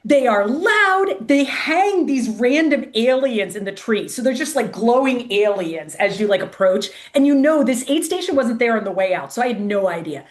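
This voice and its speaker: A woman's voice: on the high side, animated, normal speed, few pauses, darkish tone. A woman guest telling a casual story in chatty speech, full of "like", acting out the voices of the people she quotes. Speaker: guest, race director.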